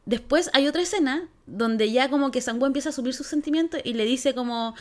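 A young Chilean woman chatting casually as a podcast co-host, animated, laughing and acting out her reactions. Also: high-pitched, a little fast. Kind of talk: casual chat.

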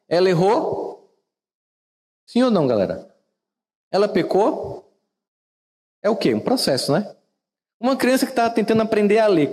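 A Brazilian man with a fairly high voice gives a reflective motivational talk. He chats with his listeners and keeps asking them questions. His voice trails off into a long, hall-like reverb. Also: darkish tone. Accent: Brazilian Portuguese. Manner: conversational, asks listeners questions, wide swings in pitch. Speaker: podcast host and teacher.

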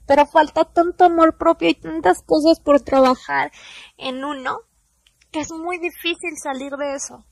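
A young woman with a Mexican accent speaking candidly to her viewers in a personal storytime, in slangy, confessional talk that drops soft at times. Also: high voice, fairly even intonation, normal speed, no room sound.

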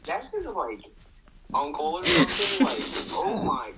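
A man's voice: very high voice, wildly swooping pitch, unhurried, creaky, over a noisy crowd, low-quality recording. A young man co-hosting a casual chat over a video call, teasing and mock-roasting a friend. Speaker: co-host.

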